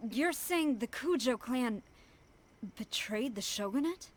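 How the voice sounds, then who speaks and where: Kujou Sara, stern army commander. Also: female voice, on the high side, animated, slow pace, a little hiss or hum. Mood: indignant. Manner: commanding, formal, rigid. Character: stern, proud, loyal female army commander. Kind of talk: video game cutscene voice acting. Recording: music under the voice.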